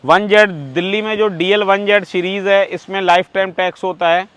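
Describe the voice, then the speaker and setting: Male used-car auction rep, high voice, assuring sales patter in clipped bursts, very dry recording. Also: little pitch movement, moderate pace, fairly bright tone, clean tone, dry recording. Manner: salesman-like, assuring, lists details in short bursts. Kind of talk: unscripted sales walkthrough of car stock.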